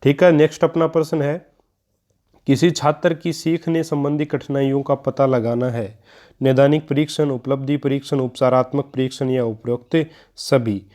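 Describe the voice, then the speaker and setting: A man's voice: medium pitch, fairly even intonation, moderate pace, dark tone. A man, teaching an online exam-prep lesson and explaining each answer step by step to the listeners he calls friends.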